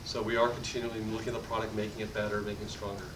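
A man in his thirties giving a fast, enthusiastic product demo at a meetup podium, often restarting his sentences. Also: flat delivery. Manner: fast, enthusiastic sales pitch with frequent restarts. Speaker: tech company presenter. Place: meetup conference room. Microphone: podium mic from far camera. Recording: distant roomy audio with rumble.

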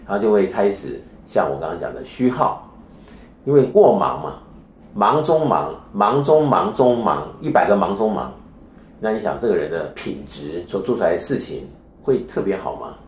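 A man's voice: sits low, big pitch swings, moderate pace, darkish tone. A man as a spiritual teacher being interviewed, explaining his views in a lecturing way and often asking rhetorical questions. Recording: echoey room.

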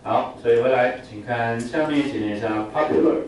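A man's voice: medium pitch, fairly quick, a little mellow. A man giving a classroom vocabulary lecture, explaining with frequent "啊" fillers and leading the class in repeating words. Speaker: English vocabulary teacher. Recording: echoey room from far off, faint noise.

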